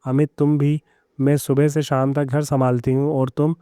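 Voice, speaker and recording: A man voicing a patient, gentle young daughter-in-law who speaks softly and pleads. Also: medium pitch, little pitch movement, normal speed, clear, resonant tone, dry recording, studio quality, close to an everyday voice.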